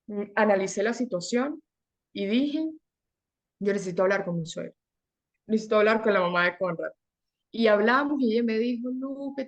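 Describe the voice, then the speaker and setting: Young venezuelan woman, interview guest, earnest storyteller, repeats words a lot, middle pitch. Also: darkish tone. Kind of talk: conversational interview.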